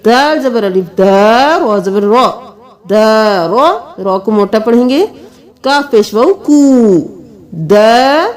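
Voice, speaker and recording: Slow, high-voiced woman teaching recitation. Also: lively intonation. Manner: slow, patient spelling of letters, breaking into melodic chanting for verses. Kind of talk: step-by-step tajweed lesson with chanted recitation.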